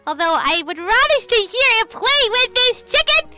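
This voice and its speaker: A woman voicing a chatty young girl heroine in a game roleplay, rambling and animated. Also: extremely high pitch, moderate pace, loud music behind the voice. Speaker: channel host. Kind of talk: Minecraft roleplay voice acting.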